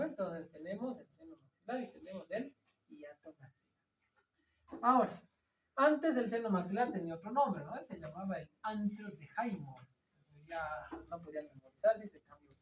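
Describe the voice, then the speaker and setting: An anatomy teacher lectures a class, drawing at the board and posing questions to students before answering them himself. The medium-pitched voice is picked up by a distant mic in an echoey classroom, giving dull lo-fi sound with slight background noise.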